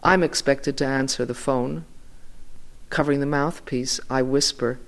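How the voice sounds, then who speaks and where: A man reading literary fiction aloud in a measured way, voice dropping softly at the ends of lines. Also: mid-range voice, fairly even intonation. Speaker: reader.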